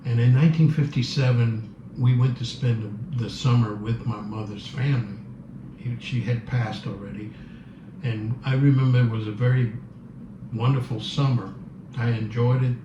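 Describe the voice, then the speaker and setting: Man in his seventies, native Spanish speaker, reflective, gentle, roomy echo, far from the mic. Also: medium pitch, steady tone, moderate pace. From Cuba. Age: 70s. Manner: thoughtful, searching for words, gentle. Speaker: interviewee. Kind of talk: reflective interview answers. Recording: roomy, distant, dull, noisy.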